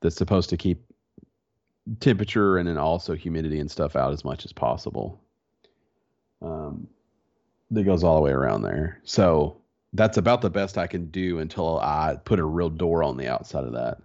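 Very deep, gravelly, and darkish in tone, this man speaks at normal speed in an animated way as a podcast co-host. His casual chat is laid-back and slangy, with a slightly congested, stuffy-nosed sound. The audio, from a small converted-barn home office, is dull and lo-fi.

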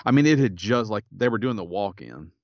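A man's voice: lowish voice, expressive, brisk, vocal fry, no room sound, muffled recording. A man co-hosting a podcast, chatting casually in a laid-back, somewhat tired way. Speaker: podcast co-host. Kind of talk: casual chat.

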